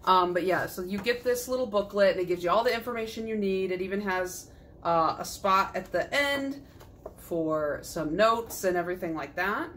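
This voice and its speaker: A woman's voice: medium pitch, moderate pace, fairly bright tone, slight background noise. A young adult woman chatting casually in a haul vlog, tired and losing her voice, chatty and self-deprecating with frequent laughs. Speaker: nail polish YouTuber.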